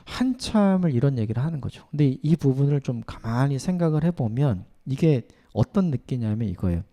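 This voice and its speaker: At a dawn service in church, a male pastor preaches a reflective sermon in a mid-range, sing-song voice at a brisk pace. Now and then he acts out the lines of people in the passage, softening his voice for the quotes.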